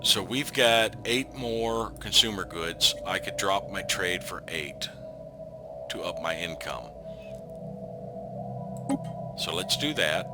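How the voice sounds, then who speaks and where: A man with a fairly low voice talks through a strategy game as the host of a let's play. He thinks out loud in a relaxed, casual way and often pauses on an "uh" or "um" before going on. Game music plays clearly behind him. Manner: thinks aloud, trailing off with frequent ums. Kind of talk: casual gameplay commentary.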